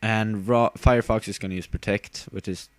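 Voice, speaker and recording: A man's voice: lowish voice, steady tone, moderate pace, no echo. A tired young man casually commenting on his own game battle, rambling with fillers and giggling at himself. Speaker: gamer narrating his battle.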